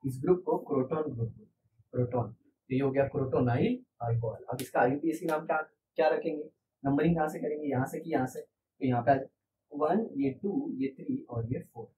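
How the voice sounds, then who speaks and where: A man's voice: mid-range voice, brisk, mellow, recorded from a distance, slight background noise, rough recording. A man teaching a chemistry lesson, patient and repetitive, asking his class rhetorical questions. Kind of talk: classroom lecture.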